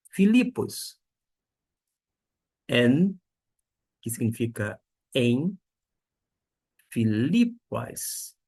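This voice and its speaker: Male language teacher, husky tone, unhurried and careful, drills each word. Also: mid-range voice, a little mellow. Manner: slow and deliberate, spelling out pronunciations. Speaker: Koine Greek teacher. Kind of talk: beginner language lesson.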